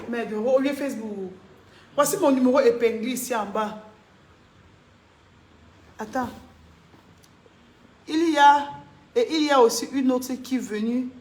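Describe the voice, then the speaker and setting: A woman's voice: fairly high pitch, normal speed, long pauses, darkish tone, reverberant. A woman, chatting casually on a live stream, reading comments and answering viewers, laughing often.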